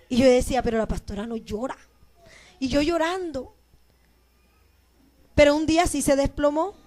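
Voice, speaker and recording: A woman pastor preaching a sermon, moving between loud proclaiming and soft, emotional storytelling. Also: high-pitched. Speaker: pastor and teacher.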